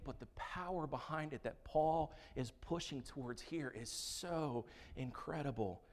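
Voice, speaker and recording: Earnest male preacher with emphatic delivery. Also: mid-range voice. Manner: earnest, emphatic with repeated words and restarts. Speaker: pastor. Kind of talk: sermon.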